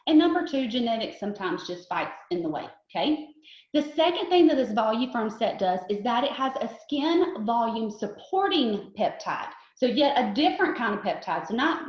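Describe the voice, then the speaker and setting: Chatty woman presenter, echoey dull room. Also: a little high. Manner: chatty, animated, asks viewers to repeat after her. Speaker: beauty consultant presenter. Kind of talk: upbeat product demonstration.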